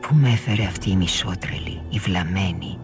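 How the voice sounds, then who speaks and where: A man's voice: low-pitched, music in the background. A narrator voicing a wary, gloomy man who plays the accordion, speaking sternly, in a radio novel reading.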